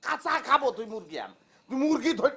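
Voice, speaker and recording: A hot-headed stubborn son-in-law. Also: male voice, extremely high pitch, animated, fast talker, gravelly, a crowd in the background, exaggerated voice. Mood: bullying. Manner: blustering, quarrelsome, switching to rude address. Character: hot-tempered stubborn new son-in-law, bossy and touchy. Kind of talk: comic TV drama acting.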